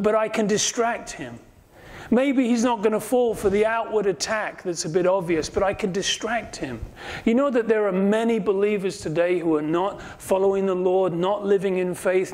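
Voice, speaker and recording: A man teaching through a Bible passage verse by verse, acting out the voices of the people in the story as he goes. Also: a little high. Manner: animated, acts out voices of enemies and Nehemiah.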